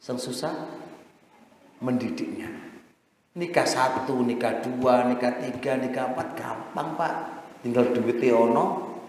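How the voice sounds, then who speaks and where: Man, sermon preacher, lively, chants verses, booming hall echo. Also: unhurried, long pauses, a little hiss or hum. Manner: lively preaching, sung Quran verses, addresses audience as Pak. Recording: very echoey hall.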